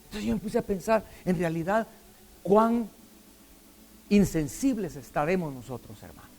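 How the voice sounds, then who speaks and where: A man's voice: sits high, lively intonation, moderate pace, vocal fry, a little mellow. A middle-aged man preaching a sermon, often putting questions to the congregation. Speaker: pastor.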